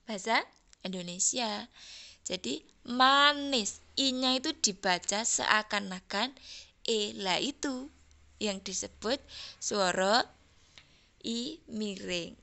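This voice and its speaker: Slow, deliberate Javanese woman teaching. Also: mid-range voice, gravelly, sharp tone. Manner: slow, deliberate, spells out example words one by one. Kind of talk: online Javanese language lesson.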